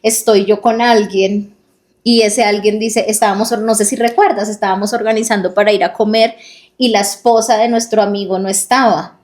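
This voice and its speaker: A woman's voice: medium pitch, steady tone, moderate pace. A woman co-hosting a casual faith podcast, telling stories earnestly and acting out the quoted dialogue in them. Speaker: podcast co-host.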